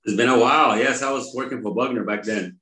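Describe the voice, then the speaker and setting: An older man from Mexico, a pastor, talking in an interview in a halting way with many pauses and fillers. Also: medium pitch, pushed and bright. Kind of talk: conversational interview. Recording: roomy echo.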